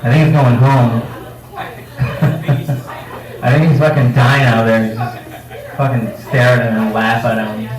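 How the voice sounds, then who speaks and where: A man's voice: mid-range voice, little pitch movement, slow, long pauses. Stand-up comic, male, loose and profane crowd work on a handheld mic, mid-range voice, recorded from across an echoey bar room. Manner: casual, profane, self-mocking crowd work. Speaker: stand-up comedian. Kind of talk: live stand-up set. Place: bar comedy night. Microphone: handheld microphone. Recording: roomy bar sound from a distance.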